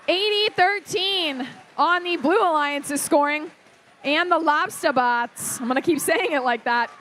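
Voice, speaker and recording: A woman giving live play-by-play commentary at a robotics competition, briskly calling team numbers and plays. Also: very high voice, a bit bright, a little hiss or hum. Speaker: match announcer. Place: competition arena.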